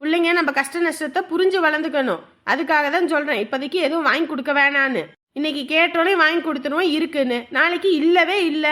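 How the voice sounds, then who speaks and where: A woman's voice: high voice, fast, fairly bright tone. A woman playing a strict, thrifty mother who lectures her family in a family drama, speaking rural in a firm manner. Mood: lecturing. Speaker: mother, wife. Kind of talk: village family drama acting.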